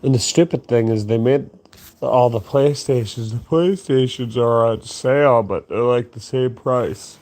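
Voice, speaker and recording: A drowsy young man drifts through a late-night ramble, cursing casually and losing his train of thought. He talks slowly, his voice sitting at an ordinary mid pitch and sagging with sleepiness. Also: darkish tone. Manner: drowsy, crude and meandering, yawning. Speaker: streamer.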